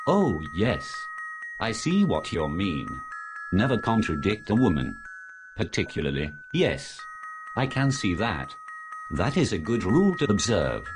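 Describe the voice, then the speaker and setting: Comic horror audio play: male actor as absent-minded undead academic, very deep and animated, brooding and self-absorbed. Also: measured pace, over music. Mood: bemused, agreeable. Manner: musing, talking to himself. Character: absent-minded male behaviorist professor turning zombie, brooding, distracted.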